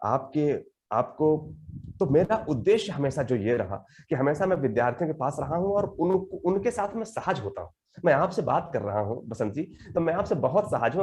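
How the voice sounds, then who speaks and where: A man in his thirties speaks as a guest poet, earnest and reflective. His pitch moves in a lively, animated way, and he recites his verse slowly, building emphasis line by line. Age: 30s. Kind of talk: conversational interview with poetry recitation.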